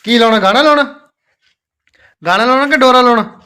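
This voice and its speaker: A young man with a fairly high voice runs a casual family vlog. He talks to his little ones in a doting, coaxing tone and keeps asking whether they agree. A faint hiss sits under the voice. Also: brisk, bright, forceful tone. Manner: coaxing, doting talk to his children, often checking "okay?". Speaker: father and family vlogger.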